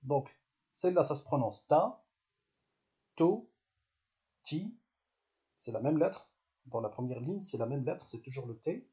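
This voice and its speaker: Man, teacher, patient lesson delivery, repeats syllables, hesitant fillers, mellow tone. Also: medium pitch, animated, unhurried, long pauses. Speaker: Arabic language teacher. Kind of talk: step-by-step lesson explanation.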